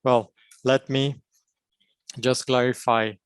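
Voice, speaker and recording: A man serves as interpreter on a conference panel, speaking slowly in short, steady bursts of formal phrasing. The ordinary male voice is clear and resonant, and the audio is dry and close, free of echo.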